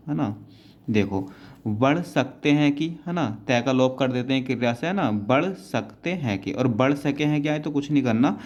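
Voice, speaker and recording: A man with a medium-pitched, slightly mellow voice teaches shorthand, patiently explaining each word and checking in with his students. He keeps adding "है ना" and calls his students "बेटा".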